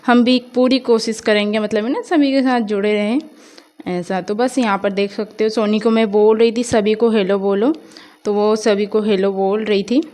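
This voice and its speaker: A woman's voice: mid-range voice, darkish tone. A young woman from India narrating her home vlog in a rambling, chatty way, full of fillers. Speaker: vlogger. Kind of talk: casual voice-over vlog narration.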